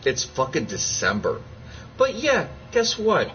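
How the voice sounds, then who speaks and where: A livestream host with a slightly high voice and measured pace chats casually and tells stories in an animated way, swearing plenty. The recording is muffled, with soft music in the background.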